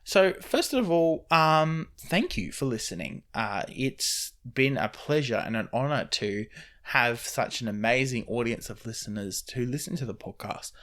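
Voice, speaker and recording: A man's voice: medium pitch, very animated, unhurried, a bit bright. Casual young man hosting a podcast. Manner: rambling, off the cuff. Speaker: podcast host. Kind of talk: casual solo update. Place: indoors near street traffic.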